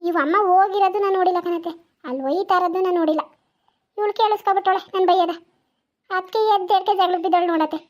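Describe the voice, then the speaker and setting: A woman's voice: extremely high pitch, steady tone, quick pace. A woman voicing a quarrelsome village woman in a cartoon, bickering sharply. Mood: protesting. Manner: grumbling, sharp-tongued bickering. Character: quarrelsome village woman sweeping her doorstep. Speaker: cartoon character. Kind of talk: cartoon voice acting.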